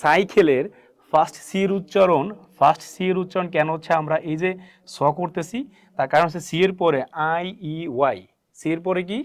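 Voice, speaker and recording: A man with a fairly high-pitched voice gives a brisk spoken classroom lesson on English pronunciation. He asks questions, supplies the answers himself, and repeats key words.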